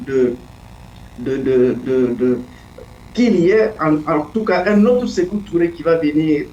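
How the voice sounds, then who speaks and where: A man speaking as a political commentator in an interview, earnest and deliberate, often pausing to search for his words. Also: high voice, a little mellow, slight background noise. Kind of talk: analytical interview answer. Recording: echoey, distant, dull lo-fi sound.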